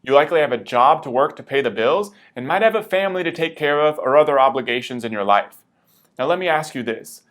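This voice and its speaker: A man delivering a scripted, urgent sales pitch as a promotional voice-over. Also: lively intonation, quick pace, fairly bright tone.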